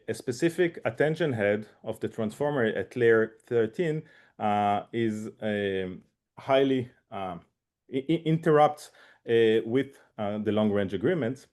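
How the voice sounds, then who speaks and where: A man presenting a research seminar, speaking haltingly with many fillers and restarts. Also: medium pitch, darkish tone. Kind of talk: academic seminar talk.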